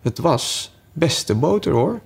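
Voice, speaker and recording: A man voicing a meek, slow-spoken hare in an audiobook. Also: fairly high pitch, animated, creaky, slightly rough, voice pushed up, heavily acted. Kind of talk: audiobook character voice.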